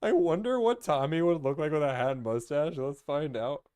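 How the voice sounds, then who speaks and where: A man's voice: on the high side, moderate pace, a little mellow, clean tone. A man hosting a casual live stream, rambling, teasing and answering comments from chat.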